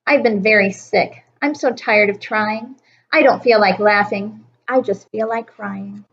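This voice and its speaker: A woman voicing a sick, tired little girl in a rhyming storybook, quiet and weary. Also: medium pitch, a little slow, dull audio, slight background noise.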